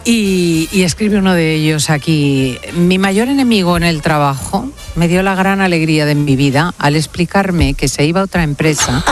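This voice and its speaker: A woman hosting a radio talk show from a studio, talking in an expressive, emphatic way. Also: fairly low pitch, moderate pace, hardly any pauses. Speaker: radio host.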